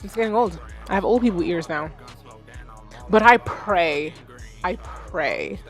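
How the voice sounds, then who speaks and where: Animated woman in her thirties, livestream chat. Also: lowish voice, a little slow, faint music behind. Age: 30s. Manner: animated, self-mocking, talks to chat. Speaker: livestream host giving music feedback. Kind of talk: casual livestream commentary.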